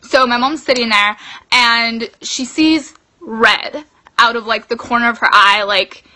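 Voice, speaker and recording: A young woman tells a story in a casual, chatty vlog style, scattering "like" through her sentences. Her voice sits a little high and sounds bright and forward. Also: fairly even intonation, measured pace. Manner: chatty, fills with "like". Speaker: vlogger.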